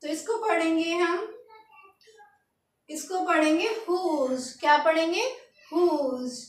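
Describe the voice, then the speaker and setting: High-voiced woman teaching French basics. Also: a little slow. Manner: spells words letter by letter and has students repeat. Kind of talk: lesson for beginners. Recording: echoey room.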